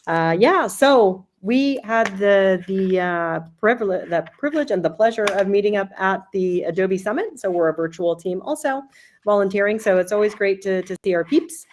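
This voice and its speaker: A woman's voice: medium pitch, animated, moderate pace, a little mellow, slight background noise. A woman hosting a virtual user group session, welcoming people in a casual way with many fillers.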